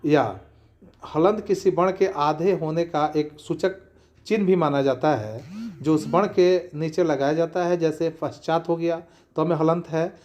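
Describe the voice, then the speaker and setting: A man gives a grammar lesson in a slightly higher voice. He explains rules in measured, formal phrasing. Between the rules he reads out example words slowly, one by one. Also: fairly even intonation, a little mellow. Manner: reads out word lists slowly, one word at a time. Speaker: Hindi grammar teacher. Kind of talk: classroom-style grammar lesson.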